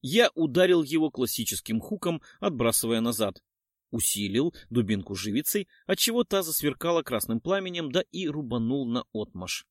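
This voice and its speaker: A man's voice: medium pitch, very animated, normal speed, no room sound. A man narrating an audiobook in first person, wry and matter-of-fact, with slangy asides, on a close mic.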